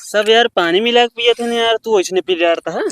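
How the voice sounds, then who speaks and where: A man's voice: sits high, fairly quick, a bit bright. A man with an Awadhi accent playing a blunt, scolding village man in an amateur comedy sketch. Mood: chiding. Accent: Awadhi, eastern Uttar Pradesh.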